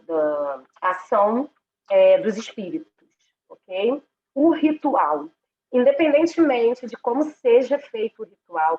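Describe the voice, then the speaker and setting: A woman's voice: mid-range voice, muffled recording. A woman with a Brazilian accent giving an online class lecture over a headset mic whose sound is distorted and clipping, often checking in with her listeners as she explains. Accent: Brazilian Portuguese. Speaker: religious studies teacher.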